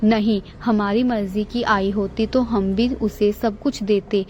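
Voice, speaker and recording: A stern mother-in-law who scolds and threatens her daughter-in-law, as a woman reads her part in a bedtime storybook. She speaks in a flat, even tone with a mellow, dark voice. The recording is dull and lo-fi. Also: medium pitch, measured pace, slight background noise, lightly acted. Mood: scolding.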